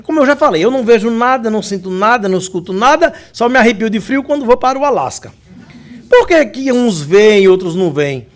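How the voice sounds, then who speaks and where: A man giving a spiritist lecture, telling lively stories with jokes and speaking directly to the audience. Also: sits high. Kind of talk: humorous lecture anecdote.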